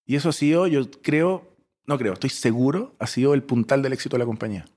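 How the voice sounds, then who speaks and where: A man from Chile, a startup founder in his forties, telling stories as an interview guest with an expressive delivery that swings between loud bursts and soft asides. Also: medium pitch, fast talker. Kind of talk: animated storytelling interview.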